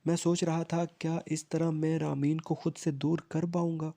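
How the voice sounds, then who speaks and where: Man reading a story in a flat, mellow voice. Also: on the high side, creaky. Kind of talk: first-person scripted story narration.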